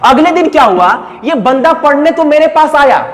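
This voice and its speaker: A young man, a coaching teacher telling a story in a blunt, animated way with lots of repetition. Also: very high voice, normal speed. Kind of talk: storytelling motivational talk. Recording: long hall reverb.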